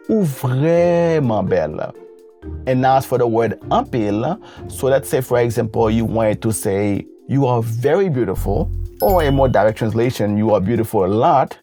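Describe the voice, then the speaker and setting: A man's voice: medium pitch, mellow. A man teaching a language lesson, patiently walking through examples one at a time and repeating them. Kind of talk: instructional explanation.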